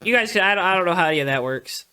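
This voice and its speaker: A man's voice: high voice, animated, rapid-fire, a crowd in the background. A man hosting a casual podcast, running the segments with wry, mock-grumpy banter. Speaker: podcast host. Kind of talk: casual chat.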